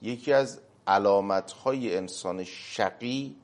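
A man giving a religious talk, quoting Arabic phrases slowly with emphasis and acting out short stories. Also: fairly low pitch. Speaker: cleric.

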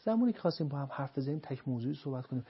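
A man, a couples counselor, explaining calmly and acting out dialogue between partners. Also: mid-range voice, breathy edge, highs cut off. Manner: calm, acts out couples' dialogue. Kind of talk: explaining to an interviewer.

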